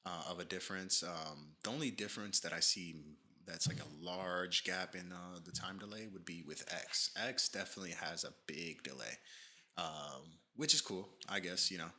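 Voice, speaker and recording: This man has a low voice, but his delivery is bright and forceful, carrying a slight nasal quality from allergies. He rambles through casual stream commentary read off a page, stumbling through fillers and restarts.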